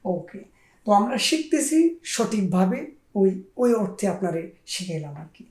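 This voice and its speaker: A woman teaching a language in a casual, explanatory way, slowing down for example phrases and often checking with "right?". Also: medium pitch, big pitch swings, darkish tone, echoey room. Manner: repeats "ঠিক আছে?" to check understanding, slows down for example phrases.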